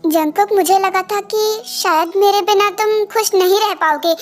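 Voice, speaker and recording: A woman's voice: very high-pitched, normal speed. A woman voicing a touchy young girlfriend in an amateur fan dub, with a sulky, reproachful tone. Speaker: fan dubber. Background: faint music.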